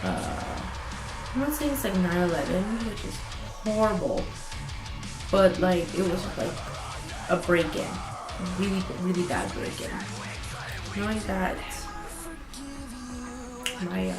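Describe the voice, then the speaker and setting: A woman's voice: lowish voice, very animated, measured pace, vocal fry, long pauses. Sick-sounding woman rambling through a story. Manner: rambling with many fillers. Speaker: vlogger. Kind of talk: casual story time. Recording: roomy echo with music behind.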